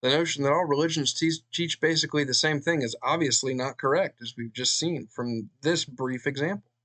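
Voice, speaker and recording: A man's voice: a little high, sharp tone. Earnest man reading a book aloud. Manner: earnest, pauses with fillers between read passages. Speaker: channel host reading a book.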